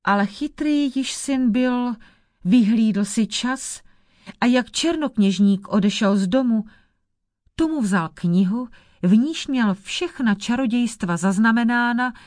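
Woman reading a folk tale, steady pace, dry close sound. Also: a little high, no room sound. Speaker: storyteller.

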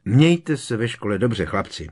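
A man doing a brisk, kindly wizard dad. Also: medium pitch, sing-song, a little mellow, breathy edge, pitched above the performer's own voice. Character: busy, kindly middle-aged wizard father.

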